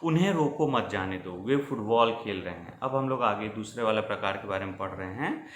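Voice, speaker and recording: A man's voice: lowish voice, lively intonation, fairly quick, fairly bright tone. A man teaching a grammar lesson over slides, explaining patiently and checking in with his students as he goes. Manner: explanatory, addresses students directly with frequent checks. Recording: echoey room with faint ambient noise.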